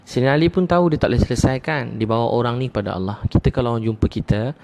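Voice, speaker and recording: A man gives a sermon in a mid-pitched voice, repeating key phrases for emphasis. He often drops in a short "ha" between thoughts, in a steady teaching manner. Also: fast talker, gravelly, lo-fi sound. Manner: repetitive, gently emphatic teaching with frequent "ha". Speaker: preacher.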